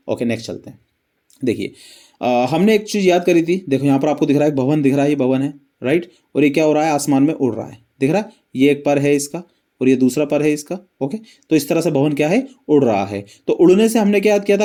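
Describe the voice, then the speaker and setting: A male teacher a slightly high but soft, mellow voice explains geography through memory-trick stories. He quizzes his viewers again and again and then answers for them, speaking in in. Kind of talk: animated mnemonic geography lesson.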